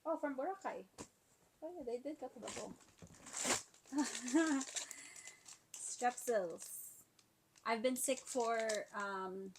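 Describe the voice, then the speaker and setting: A 27-year-old woman unboxing gifts in an easygoing vlog, with a fairly high voice and a slow, unhurried pace. She is excitable and slips Tagalog into her English, and she sounds a little under the weather from a sore throat. Packaging crinkles loudly right by the tablet mic. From Philippines. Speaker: vlogger. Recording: crinkling packaging noise close by.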